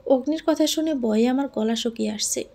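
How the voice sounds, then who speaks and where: A woman reads a romantic audio story in the first person. Her voice is mellow and sits fairly high. She keeps a steady, expressive storytelling pace. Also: fairly quick, gravelly.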